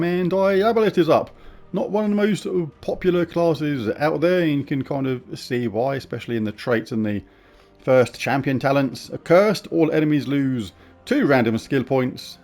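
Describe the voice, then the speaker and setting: A man talks casually through a game preview, his voice gravelly with a lot of rise and fall. He is chatty and informal and gives blunt opinions, while faint music plays behind him. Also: medium pitch, darkish tone. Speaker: gaming YouTuber.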